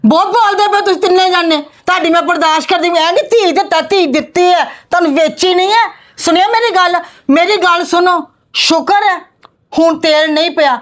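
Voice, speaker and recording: A woman's voice: high-pitched, lively intonation, normal speed. A woman with a Punjabi accent playing a stern middle-aged aunt who scolds and threatens her niece's in-laws in a family drama. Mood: threatening. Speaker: bride's maternal aunt confronting in-laws. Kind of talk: amateur family drama acting.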